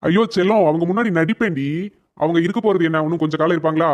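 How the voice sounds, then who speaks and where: A man's voice: a little high, racing, close to an everyday voice. A man voicing a henpecked young husband in a cartoon comedy, placating and sweet-talking his wife.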